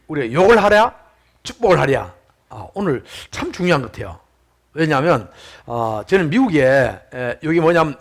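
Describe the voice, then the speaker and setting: A man preaching a sermon as pastor, telling stories with lively acted-out quotes. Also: mid-range voice. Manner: animated storytelling, acts out shouted quotes.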